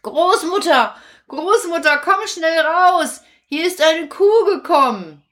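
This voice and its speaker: An excitable puppet jester boy, acted by a woman tells his tale eagerly in a storybook. His voice sits high and leaps around, drawn out slowly. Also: exaggerated voice. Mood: indignant.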